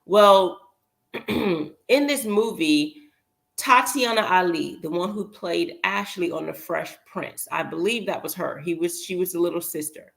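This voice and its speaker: Low gravelly woman giving her opinion. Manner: emphatic, rambling, with pauses to remember. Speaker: commentator. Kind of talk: casual opinion commentary.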